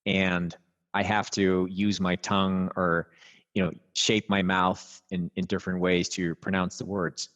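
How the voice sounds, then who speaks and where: Lively man explaining voice technique. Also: low voice, a little slow, dull audio. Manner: explanatory, animated, laughs easily. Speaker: podcast guest, voice actor and communication trainer. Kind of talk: conversational interview.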